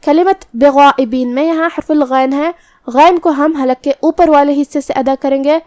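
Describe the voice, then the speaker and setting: In a tajweed lesson, a woman teaches the rules of Quran recitation, explaining each letter step by step and chanting verses slowly. Her voice sits high with a steady, darkish tone. The recording is dry and of studio quality.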